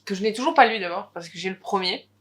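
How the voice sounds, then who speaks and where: A woman's voice: mid-range voice, lively intonation, fast, background noise. Chatty woman presenting new books. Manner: chatty, hesitant with many fillers. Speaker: book video co-host. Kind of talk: casual book chat.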